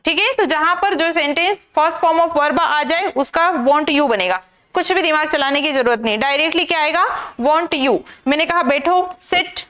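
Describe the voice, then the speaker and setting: Indian woman teacher, very high voice, drills exam grammar with repeated questions. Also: normal speed, fairly bright tone. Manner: repetitive drilling with rhetorical questions. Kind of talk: exam-prep grammar lesson.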